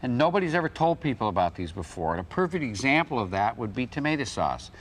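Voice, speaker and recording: A man giving a conversational sales pitch as a product demonstrator, explaining and readily agreeing as he goes. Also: big pitch swings, fast, a little hiss or hum. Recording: music behind the voice.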